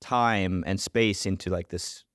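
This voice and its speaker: A man from Estonia, an actor chatting as a podcast guest in a relaxed, rambling and playful way. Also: low-pitched, measured pace, no echo, clean studio sound. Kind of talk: casual interview chat.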